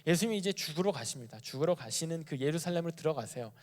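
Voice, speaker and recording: A man's voice: a little high, racing. A man giving a youth sermon in a conversational way, asking his listeners questions and acting out the people in the story. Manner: conversational preaching, asks the congregation questions; acts out quoted characters in lively bursts. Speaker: youth pastor. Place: church sanctuary. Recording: live church stream with long hall reverb.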